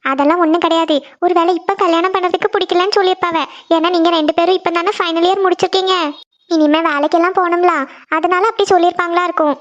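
A woman's voice: very high-pitched, steady tone, fast talker, highs cut off. A woman voicing a caring young woman who coaxes her crying friend with repeated questions in a cartoon. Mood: coaxing. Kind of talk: cartoon voice acting.

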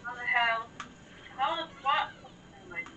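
A woman's voice: on the high side, normal speed, recorded from a distance, highs cut off, over music. A woman playing a co-op video game, blunt and exasperated, swearing often. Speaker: co-op game player. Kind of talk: casual gameplay chat.

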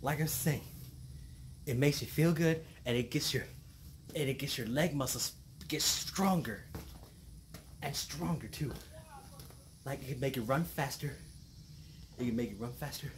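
Slow-talking young man with noisy outdoor sound. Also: medium pitch. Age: young adult. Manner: halting, repeats phrases. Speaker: vlogger. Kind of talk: casual chat to camera. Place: outdoors on porch and yard. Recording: noisy outdoor camera audio.

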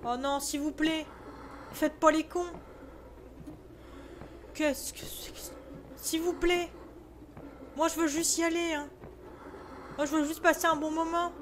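A woman's voice: high voice, fairly even intonation, a little slow, long pauses, noisy background. A young French woman streaming a horror game, jumpy and swearing, talking to herself as she gets scared. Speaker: gaming streamer. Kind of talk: let's play commentary.

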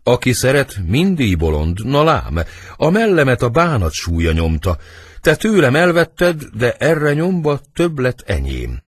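A man reading the part of Romeo, a brooding lovesick young nobleman, in husky, lyrical verse for an audiobook. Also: huge pitch swings, no room sound, clean studio sound. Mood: lovelorn. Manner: lyrical verse reading, wide swings in pitch.

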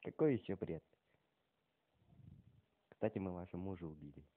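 Man, prank caller, over the phone, deep low pitch, deadpan, halting, tinny narrow line. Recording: muffled, band-limited phone call audio.

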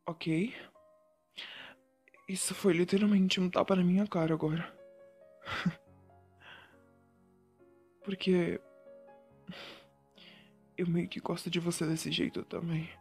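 A gentle, bashful young photographer, played by a man in a whispered role-play, speaking slowly to the listener. His voice is soft and breathy, with faint music playing in the background. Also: high voice, full character voice. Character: young male photographer, shy and sweet.

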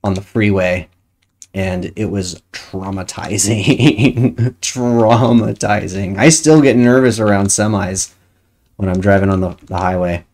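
A woman's voice: rumbling low, unhurried, a little mellow. A woman streaming a video game, chatting casually and thinking aloud as she plays. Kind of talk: casual chat while playing a game.

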